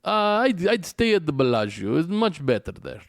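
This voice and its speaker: A man's voice: on the high side, big pitch swings, normal speed, creaky, no room sound, clean studio sound, pitched above the performer's own voice. A man putting on a Russian accent to voice a terse male Uber driver who talks in clipped, broken English. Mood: matter-of-fact. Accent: Russian, put on.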